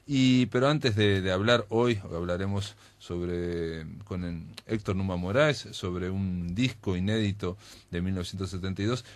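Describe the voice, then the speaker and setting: A man's voice: low voice, measured pace. A man with a Uruguayan accent hosting a radio talk show, chatty with frequent fillers. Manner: warm-up chatty, many fillers. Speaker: radio host. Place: radio studio.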